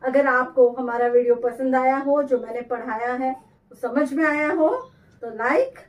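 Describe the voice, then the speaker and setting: A woman teaching Hindi grammar, explaining lines of verse slowly and carefully and repeating them. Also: sits high, steady tone, recorded from a distance, rough recording. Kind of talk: explaining poetry examples in a lesson.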